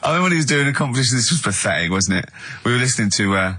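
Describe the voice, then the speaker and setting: A man's voice: mid-range voice, lively intonation, racing, pushed and bright. A man co-hosting a radio show, bantering comically, laughing often and slipping into silly voices. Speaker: radio co-host.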